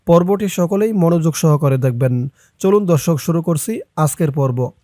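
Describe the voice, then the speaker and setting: A man teaching Quran reading, chanting verses slowly and then briskly explaining pronunciation, recorded close and dry. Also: a little high, animated, warm tone, no echo. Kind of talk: recitation lesson, reciting then explaining.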